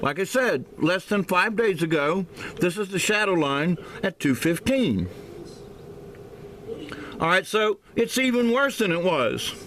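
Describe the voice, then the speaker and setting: An amateur video blogger sits indoors by a window at home, casually explaining something to the camera in a high-pitched man's voice with big pitch swings and a fairly bright tone. He is hesitant and halting, often repeating himself, and a swollen mouth slurs his speech a little. The handheld camera microphone captures a noisy recording.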